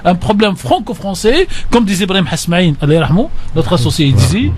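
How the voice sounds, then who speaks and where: A man with a notably high voice speaks as a guest on a radio debate. He tells anecdotes with energy and acts out the voices of the people in them. A faint hiss sits under the audio. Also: brisk. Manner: animated storyteller, acts out dialogue.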